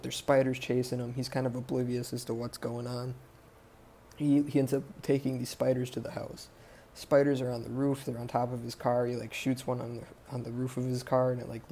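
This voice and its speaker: A man's voice: medium pitch, gravelly, mellow, a little hiss or hum. A man hosting a podcast, casually recapping a movie in a rambling, profane way, full of fillers and self-corrections. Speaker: podcast host.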